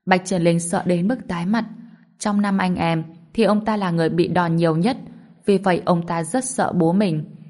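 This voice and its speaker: Woman reading a wuxia story out loud, lowish voice, steady. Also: moderate pace. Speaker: audiobook narrator. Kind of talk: storybook narration.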